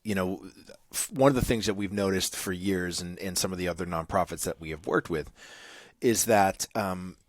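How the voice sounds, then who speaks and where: A man with a New England accent and a very low voice talks through ideas on a podcast. His delivery is thoughtful and rambling, with ums and "right?" tags, recorded dry and close. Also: normal speed, no echo. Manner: thoughtful, rambling, with many ums and tag questions. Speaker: podcast co-host. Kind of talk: casual podcast chat.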